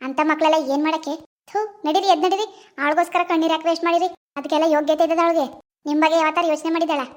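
A woman's voice: extremely high pitch, fairly even intonation. A woman voicing a furious scolding village woman. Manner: scolding, indignant, rapid. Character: angry scolding village woman, bossy and vengeful. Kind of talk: animated village drama voice acting.

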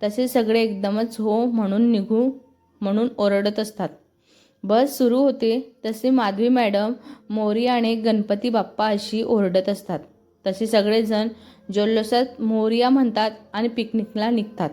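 A woman narrating a story in a steady, descriptive storytelling manner. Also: a little high, unhurried.

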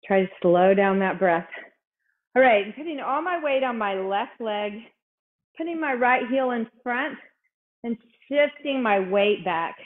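A woman's voice: fairly high pitch, lively intonation, unhurried, narrow, tinny audio. A woman fitness instructor coaching a workout, out of breath, upbeat and encouraging as she counts reps aloud.

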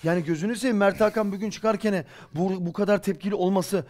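In a studio, a male football pundit in his 40s rants through post-match commentary, impassioned and rhetorically scolding. His voice is high, fast, and a little mellow.

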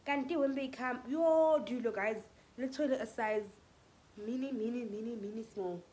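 At a normal speed and in a slightly high, somewhat mellow voice, a South African woman in her twenties chats to her phone camera held out at arm's length. She has the flu, sounds stuffy, and mixes Setswana phrases into her casual vlog as she moves through her living room and bedroom at home. The recording is low quality.

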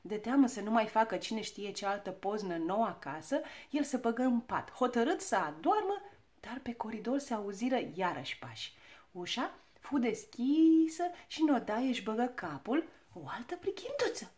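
Theatrical woman reading a children's tale. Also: a little high. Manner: expressive, theatrical. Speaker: storyteller. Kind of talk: children's audiobook narration.

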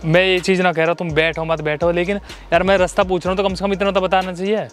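A young man with a noticeably high voice argues in a staged street prank. He pleads, complains and then coaxes. Loud music plays over the outdoor recording. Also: little pitch movement, fast. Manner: argumentative, pleading then coaxing.

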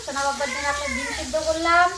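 A woman's voice: very high-pitched, sing-song, fast, roomy sound. A woman, a mother narrating a casual home vlog and chatting to viewers as friends. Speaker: vlogger, mother. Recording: home noise, cooking sizzle behind.

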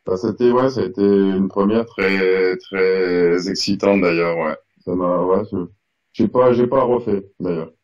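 A man being interviewed over a video call, answering reflectively with pauses. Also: low voice, a little mellow, lo-fi sound. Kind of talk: casual interview.

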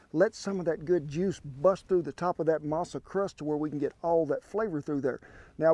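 A man's voice: on the high side, darkish tone, no echo. A man in his sixties with a Southern US accent, hosting an outdoor camp cooking demonstration in a folksy drawl on a lapel mic. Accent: Southern US (Oklahoma). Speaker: cooking show host. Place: outdoor ranch camp by a pond, windy. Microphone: wireless lapel mic.

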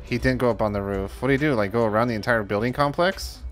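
A man commenting casually while he plays a game on a live stream. He gets excited easily, laughs often and swears casually. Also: mid-range voice, fast talker, soft background music.

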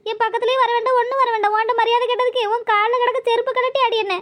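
A woman's voice: extremely high pitch, level tone, very fast, fairly bright tone, pitched above the performer's own voice. A woman voicing a cranky, easily offended old grandmother, scolding and huffy. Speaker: mother-in-law. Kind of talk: cartoon comedy voice acting.

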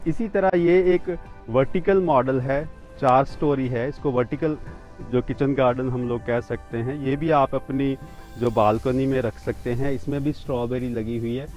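Outdoors on a rooftop, a man in his fifties walks through his vegetable garden and explains each plant to the camera, steady and plain, with little restarts along the way. His voice is medium in pitch with a somewhat dark tone.

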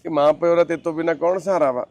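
A man's voice: on the high side, steady tone, racing, no room sound. A man, hosting and comforting a troubled man, then speaking earnestly to the camera. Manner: warm, consoling and reassuring; earnest and pleading. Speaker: host helping a troubled man. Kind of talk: casual talk, then address to camera.

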